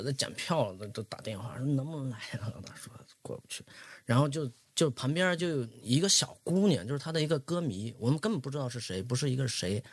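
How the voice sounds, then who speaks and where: Gravelly-voiced man recalling a friend. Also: mid-range voice. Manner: halting, with many restarts. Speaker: guest, documentary maker. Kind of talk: casual recollection.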